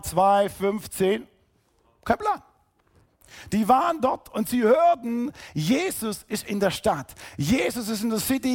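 Pastor guy preaching, high voice, swings from loud calls down to quiet. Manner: emphatic, rising to loud calls then dropping low and quiet. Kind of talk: sermon.

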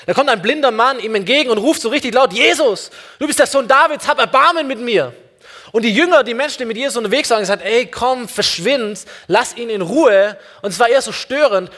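A man preaching a sermon, earnest, asking the congregation many direct questions. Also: high voice. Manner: addresses listeners directly and warmly. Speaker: pastor.

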